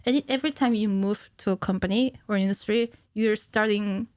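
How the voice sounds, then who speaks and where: Speaking a little fast in a medium-pitched, darkish voice, this animator in her thirties chats casually and gigglingly as a podcast guest, explaining things informally. She's recorded dry on a close studio mic on a stand in a small indoor podcast studio.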